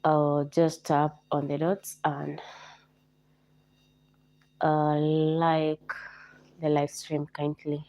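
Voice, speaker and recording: A woman's voice: low-pitched, completely flat delivery, very slow, long pauses, warm tone, dry recording. A woman from Kenya with a Kenyan accent, hosting a live online stream and repeatedly coaxing viewers to like, comment and say where they are watching from.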